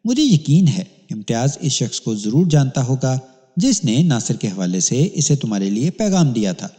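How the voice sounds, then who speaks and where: A man narrating a crime thriller in the first person, measured and expressive. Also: medium pitch. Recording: long hall reverb.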